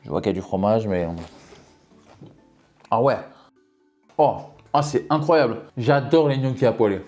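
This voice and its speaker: A young man chats his way through a food-tasting video. He jokes and addresses his viewers directly, and his voice sits at an ordinary middle pitch. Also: lively intonation, moderate pace, a little mellow, faint music behind. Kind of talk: casual vlog with sponsor read.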